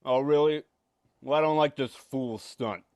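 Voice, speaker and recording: A man's voice: medium pitch, a little slow, darkish tone, natural voice. A man playing a penny-pinching, anxious property owner in old-time radio suspense style, curt, skeptical and fretful. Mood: grumbling, skeptical.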